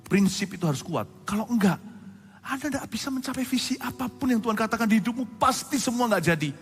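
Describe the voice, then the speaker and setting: A man delivers a sermon as a pastor, his high voice swinging up and down as he acts out other people. He sounds like he is in a big church with a long echo. Soft music plays underneath him. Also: expressive, fast, breathy edge. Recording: reverberant hall with faint music.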